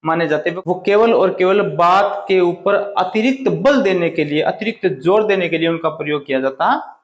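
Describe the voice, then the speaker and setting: A man teaching a Hindi grammar lesson, reading example sentences slowly and stressing the key words. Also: high voice. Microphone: phone camera on tripod. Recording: echoey room.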